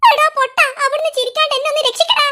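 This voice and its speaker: A hapless, whiny cartoon boy keeps complaining and begging his friend for help. The voice sits extremely high and sounds sharp and bright. Every line comes out indignant. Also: animated, very fast, exaggerated voice. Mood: panicked. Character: hapless boy who lost his trousers. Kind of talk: cartoon voice acting.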